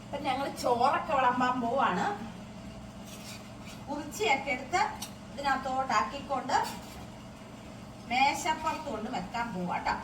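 A woman's voice: sits high, normal speed, long pauses, reverberant, distant mic, noisy background. A middle-aged woman chatting casually to camera from her home kitchen. She talks in a friendly, rambling way, often checking in with viewers, and her throat sounds strained from talking. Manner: chatty, keeps checking in with viewers with tag questions. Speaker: home cooking vlogger.

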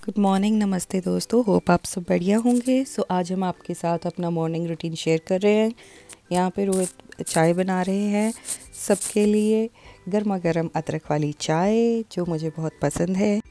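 A woman's voice: lowish voice, moderate pace, dark tone. A woman casually narrating her family's morning routine for a vlog, mixing in English phrases. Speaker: vlogger.

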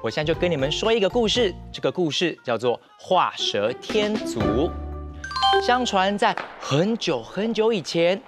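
Man, Taiwanese Mandarin accent, fairly high voice, expressive children's storyteller, light music behind. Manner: expressive, explanatory. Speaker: children's show presenter and storyteller. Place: TV studio with painted forest set.

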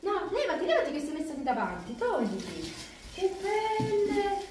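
A woman's voice: very high voice, wildly swooping pitch, moderate pace. A woman vlogging casually at home as she opens Christmas gifts, gushing over each one. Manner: effusive, exclaiming over each gift. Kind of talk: casual vlog chat. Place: home room. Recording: echoey room from far off, loud noise.

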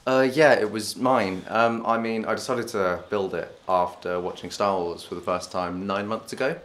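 A man plays an offhand young amateur inventor interviewed for spoof news. His voice is on the low side and his answers are hesitant. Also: steady tone, normal speed, a bit bright, close to an everyday voice. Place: conservatory.

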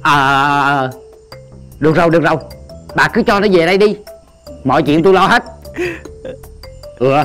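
An actor playing a man who reassures his wife briskly on the phone. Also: a little high, a bit bright, soft background music, lightly acted. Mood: reassuring.

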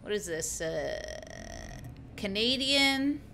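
A woman's voice: mid-range voice, expressive, takes it slowly, sharp tone, slight background noise. A young woman co-hosting a casual podcast chat, giggly and full of fillers, slipping into mock voices for jokes. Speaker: podcast co-host. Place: lives in Buffalo, New York.

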